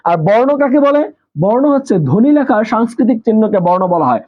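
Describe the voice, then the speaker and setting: A man's voice: very high voice, animated, fast, lo-fi sound. A man teaching a live online exam-prep class, repeating key points and asking questions that he answers himself. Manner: repetitive, asks questions and answers them himself.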